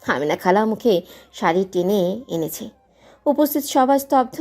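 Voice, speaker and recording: Woman narrator, emotive audio-drama storytelling, soft music bed. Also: medium pitch, normal speed. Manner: emotive, expressive.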